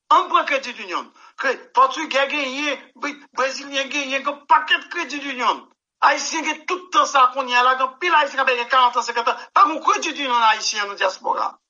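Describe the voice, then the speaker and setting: Bright-voiced man, rambling. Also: very high-pitched. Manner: rambling, emphatic, keeps saying "mon cher". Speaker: musician guest. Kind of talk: interview answers. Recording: dull lo-fi recording.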